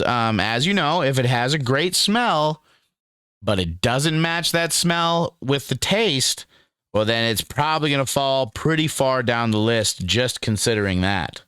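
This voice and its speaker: A young man in a relaxed, rambling review vlog, talking easily and calling the listener dude and man. His voice is smooth and clean, recorded dry and close with no room sound. He sits at a middle pitch. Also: no echo. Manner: laid-back and rambling, calls the viewer dude and man. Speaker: cannabis strain reviewer.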